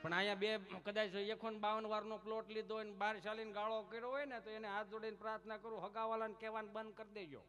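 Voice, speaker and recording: A man telling comic folk stories on stage at a village gathering, teasing and lively. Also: sits high, fast talker, hardly any pauses, soft background music. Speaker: folk storyteller and comedian.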